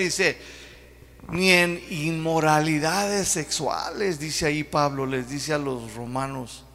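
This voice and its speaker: A man with a Mexican accent preaching a sermon as pastor, in a folksy, drawn-out way with rhetorical questions to the congregation. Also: on the high side, gravelly, a bit bright. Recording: long reverb of a church hall.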